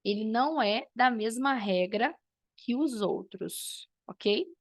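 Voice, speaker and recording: A woman's voice: on the high side, expressive, slow pace. A woman teacher, teaching an online class and explaining step by step while checking in with her students.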